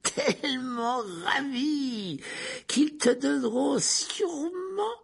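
A man voicing a cold, spiteful middle-aged professor who drawls slowly and then shrieks in rage. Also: very high voice, lively intonation, vocal fry, voice pushed up, heavily acted. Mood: silky menace. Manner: slow, silky menace that breaks into shrieking rage.

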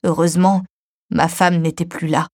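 A woman voicing a frail, grieving elderly man who speaks slowly and weakly. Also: on the low side, little pitch movement, no room sound, studio quality. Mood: sorrowful. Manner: slow, weak, quiet delivery.

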